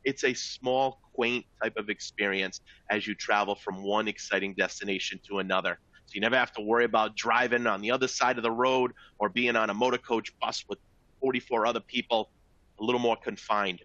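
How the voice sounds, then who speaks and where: A man pitches sleeper train trips in a bright, forceful voice, upbeat and salesy, calling his listeners folks. The sound is close and dry, with a slightly dull, muffled tone. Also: steady tone, brisk, no room sound. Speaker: travel company presenter. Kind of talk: sales presentation to travel advisors.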